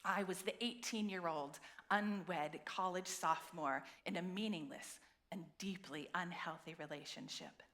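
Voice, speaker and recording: A woman rabbi preaching a sermon into a pulpit microphone in a synagogue, with an earnest, measured delivery and deliberate repetition. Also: lowish voice, fairly bright tone. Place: synagogue sanctuary.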